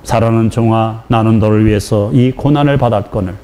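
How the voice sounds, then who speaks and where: Man doing a gentle divine voice, low and quiet, slow rebuke, mellow tone. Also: slight background noise, natural voice. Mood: tender rebuke. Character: gentle divine male voice addressing a servant.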